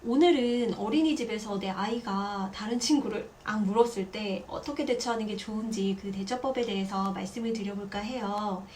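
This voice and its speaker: A woman in her thirties, a parenting vlogger, talking casually and lively to camera. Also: medium pitch, moderate pace, hardly any pauses, slight background noise. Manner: chatty, lively, acts out quoted voices.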